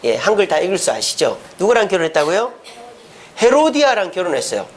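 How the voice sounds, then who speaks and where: A middle-aged male pastor preaching a lively storytelling sermon, often asking the congregation questions. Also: sits high, fast talker.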